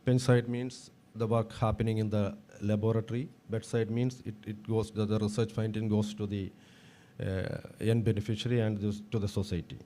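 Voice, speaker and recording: A man with a Kerala Indian accent giving a formal, halting research talk, his throaty voice held back by a sore throat. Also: fairly low pitch, little pitch movement, mellow, slight background noise. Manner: formal, halting with repeated words. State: sore throat, unable to speak loudly. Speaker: guest speaker, veterinarian. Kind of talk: prepared motivational research talk.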